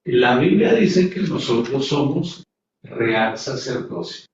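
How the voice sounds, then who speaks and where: A man's voice: medium pitch, lively intonation, slow pace. A man teaching a Bible class in a sermon-like way, stressing his points and putting rhetorical questions to his listeners. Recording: echoey, dull sound from a distant mic.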